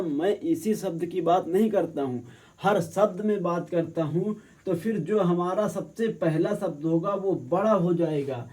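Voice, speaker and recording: A man teaching correct spelling for exam preparation, slowly spelling each word out. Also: high voice, dark tone. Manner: slow, drawn-out word by word correction. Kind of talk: spelling lesson for exam prep.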